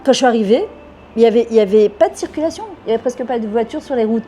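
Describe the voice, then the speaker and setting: A woman's voice: fairly high pitch, animated, racing, dark tone, a little hiss or hum. A woman of about fifty from France, talking fervently and at length in an interview, dropping in Hebrew words. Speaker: interviewee, French immigrant. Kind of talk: casual interview talk.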